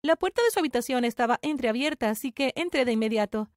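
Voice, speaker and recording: A woman's voice: on the high side, expressive, fast, dry recording, studio quality. A young woman narrating a dramatic first-person story about her twin sister. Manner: dramatic confessional telling.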